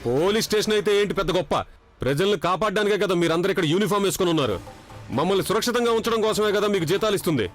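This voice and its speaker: A man playing an enraged villager who shouts accusations at a police officer, in a TV serial with background music. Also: sits high, lively intonation, racing. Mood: angry. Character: furious young male villager confronting police.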